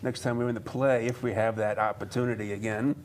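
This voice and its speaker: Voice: medium pitch, steady tone, quick pace, a little mellow, a little hiss or hum. A talk show host in a studio, joking playfully with guests and keeping track of time. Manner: playful, teasing, keeps time. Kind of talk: casual chat.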